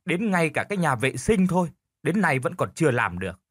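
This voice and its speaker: A man voicing a sharp-tongued, thrifty older village wife who scolds her lazy husband with sarcasm. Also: fairly high pitch, very animated, brisk, breathy edge, dry recording, clean studio sound, voice pushed up. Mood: sarcastic scolding.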